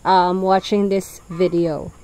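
A woman calmly explaining, step by step, how she prepares a farm fertilizer mix, speaking outdoors on a farm. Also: on the low side, takes it slowly, rough recording. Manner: calm, explanatory, plain wording. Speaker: farm vlogger. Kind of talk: instructional farm narration.

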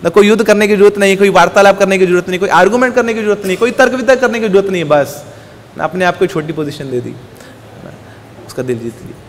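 A man with a high voice tells devotional stories to a gathering, acting out the words of the people in them. His voice rings with long reverb, and faint room noise sits underneath. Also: fast talker. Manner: animated storytelling, acting out the guru's quoted words, mixing Hindi and English. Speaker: temple speaker. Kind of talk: devotional storytelling talk.

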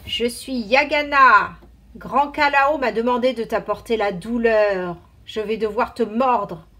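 A threatening female hyena from a children's picture book, loud and looming. A woman reader plays her with a slow, raised voice. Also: a little high. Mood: menacing. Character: menacing female hyena, bad breath, easily won over.

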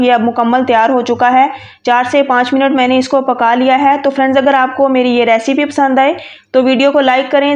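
Cooking host, female, from Pakistan: high voice, friendly step-by-step narration, slightly muffled lo-fi sound. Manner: friendly instructive, mixes English words. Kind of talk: voice-over cooking tutorial.

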